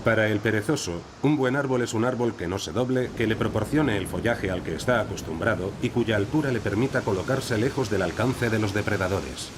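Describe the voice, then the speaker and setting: A man's voice: on the low side, brisk, hardly any pauses. A man reading scripted narration as the narrator of a nature documentary. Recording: insect and wildlife noise behind voice. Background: rainforest ambience with crickets and insects.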